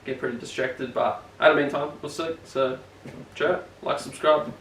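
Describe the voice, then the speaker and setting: A man's voice: medium pitch, steady tone, moderate pace, a bit bright. Rambling young Kiwi guy with a broad accent. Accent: broad New Zealand. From New Zealand. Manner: rambling, slangy, self-deprecating. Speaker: BMX rider being interviewed. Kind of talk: casual chat. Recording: echoey room, distant mic, faint noise.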